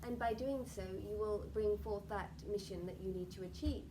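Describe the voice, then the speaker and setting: A woman's voice: medium pitch, moderate pace. A woman speaking as a seance medium in trance, delivering solemn, oracular channelled messages to a group in formal phrasing. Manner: seance medium speaking as a channelled spirit, addressing sitters as "dear one" and "we". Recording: noisy live group recording.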